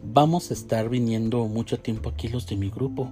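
A man's voice: medium pitch, steady tone, a little fast, warm tone, natural voice. A man voicing an eager, slightly nervous young male medical student in a storybook reading. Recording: faint music behind.

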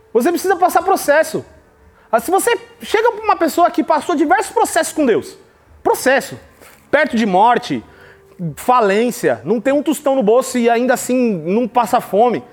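Man, high voice, emphatic devotional podcast preacher who acts out quoted voices.

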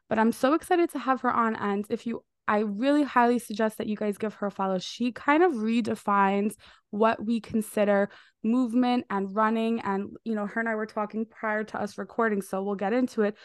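A young woman with a mid-range voice hosts a podcast interview in clean studio sound with no room noise. She sounds a bit nasal from a recent illness, and she's eager and warm, dropping fillers often.

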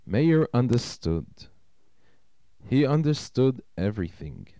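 A man who is a rabbi narrates a story in a slow, expressive, dramatic storytelling manner. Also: medium pitch.

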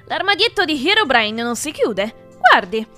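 A woman reading aloud and voicing a tattling schoolboy who shouts out accusations. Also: high voice, sing-song, unhurried, soft background music, voice pushed up, exaggerated voice. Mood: eager shouting. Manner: shouts eagerly.

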